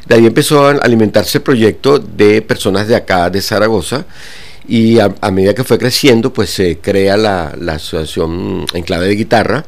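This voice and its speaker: An older man from Venezuela, a guitar teacher, speaking haltingly with many pauses and fillers in a radio interview. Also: on the low side, creaky. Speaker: guitar teacher and orchestra director.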